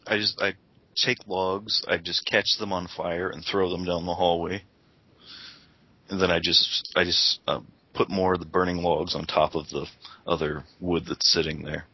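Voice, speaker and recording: A man's voice: low voice, little pitch movement, normal speed, dry recording. A man speaking plainly as a tabletop game player, repeating himself, recorded on dull, dry lo-fi sound. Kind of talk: casual tabletop play.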